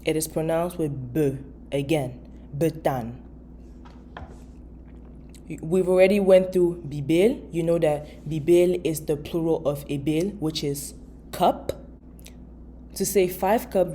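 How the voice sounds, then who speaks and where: A woman giving a patient, casual video language lesson, repeating each word slowly and explaining step by step. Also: low voice, warm tone, a little hiss or hum. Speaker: language teacher.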